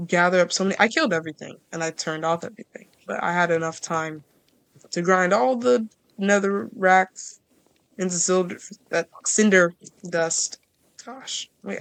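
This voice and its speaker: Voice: medium pitch, a bit bright, clear, resonant tone, no echo. A creator giving casual, rambling commentary over gameplay, chatty and playful with viewers and often restarting sentences.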